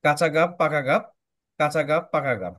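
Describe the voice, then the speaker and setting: A polite man student on a video call, answering his teacher and repeating a tongue twister on request. His voice sits a bit high for a man and sounds dry and close. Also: moderate pace, fairly bright tone, no echo.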